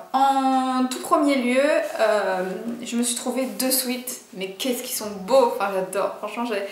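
A woman's voice: on the high side, roomy sound, noisy background. A young woman vlogger chatting casually through a clothing haul, bubbly and full of fillers and asides.

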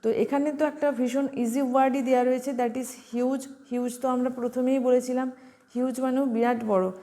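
A woman with a Bengali accent teaching exam vocabulary, asking herself questions and spelling words out slowly letter by letter. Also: high-pitched, level tone, dark tone. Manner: asks questions and answers them herself. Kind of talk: exam-prep vocabulary lesson.

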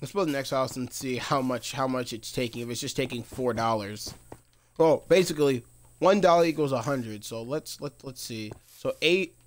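Rambling man streaming a video game. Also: mid-range voice. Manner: rambling, mutters to himself, quick to laugh. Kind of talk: casual live gameplay commentary.

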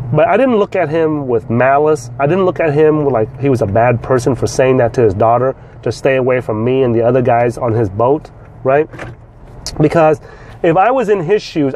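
This casual to-camera talk comes from a southern Vietnamese vlogger and trader in his forties, seated in a parked car outdoors: blunt, profane, animated with his hands, often repeating words when he restarts. His voice is mid-range and the recording rough, made with a lapel mic and an arm's-length phone or camera, with faint car and street noise.

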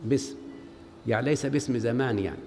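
A man's voice: medium pitch, fast, darkish tone. Egyptian man teaching grammar in a reverberant hall. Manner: teaching by call and response, questions the class. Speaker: Arabic grammar professor. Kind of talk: mosque lecture with questions to students. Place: large mosque hall. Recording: long hall reverb, faint background noise.

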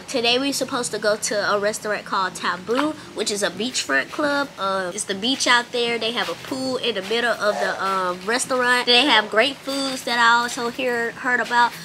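High-pitched woman vlogging amid clear background noise. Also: sharp tone. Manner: informal, slangy, addresses viewers as y'all. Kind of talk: casual vlog chat to viewers. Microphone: phone. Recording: noisy outdoor phone recording.

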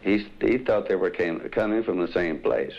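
Man, deep voice, witness interview, hesitant short answers, dull old vinyl record. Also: moderate pace. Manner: hesitant, brief, plain answers. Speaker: eyewitness.

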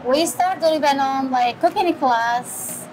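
High-voiced woman with a Syrian accent. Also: a little mellow, slight background noise, poor audio. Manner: halting English with frequent pauses. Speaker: restaurant chef and owner. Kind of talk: interview answers. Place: small restaurant kitchen indoors. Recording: background music.

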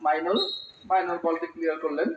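A man giving live, excitable football commentary that can burst into shouts. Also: a little high, fast talker. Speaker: football commentator at a local tournament. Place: outdoor football ground. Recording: dull, echoey PA-like sound, crowd behind.

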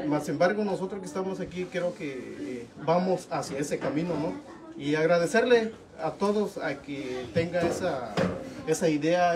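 Earnest man speaking at a meeting. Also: fairly high pitch. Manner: earnest, hesitant with many fillers. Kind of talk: impromptu speech at a meeting. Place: small meeting room indoors. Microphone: far camera. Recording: distant camera mic, crowd murmur.

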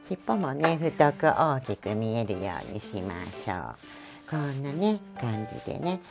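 A middle-aged cat groomer with a Kansai Japanese accent talks through a grooming demo in an extremely low, gravelly voice, very animated but a little slow. Music plays behind her as she chats, adding small asides and giggles.

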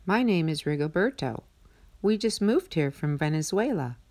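A woman reading a picture book aloud in a measured, expressive storytelling manner. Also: deep voice. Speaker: read-aloud narrator.

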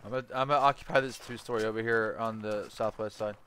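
A man's voice: on the low side, steady tone, fast talker, fairly bright tone, clear, resonant tone. A man leading a squad in an online game, giving casual tactical instructions over a headset. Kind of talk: casual tactical gaming chat. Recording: gaming headset with background noise.

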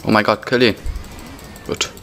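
Sick with a cold and a cough, this young man voices over his gameplay from a computer indoors, chatting in slang and muttering to himself. He speaks a little slowly with a fairly bright tone. Keyboard typing comes through in the noisy home recording.

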